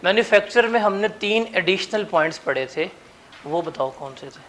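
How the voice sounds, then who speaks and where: A male teacher runs his classroom in a high, bright-pitched voice. He teases and coaxes his students, quizzing them on the lesson and calling them up to the board. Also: lively intonation, moderate pace. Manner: teasing, coaxing students to the board.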